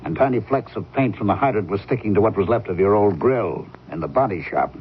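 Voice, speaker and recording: An actor playing a methodical, unflinching police detective in a radio drama, speaking deliberately and accusingly. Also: male voice, lowish voice, lively intonation, natural voice. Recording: dull, faintly noisy radio broadcast.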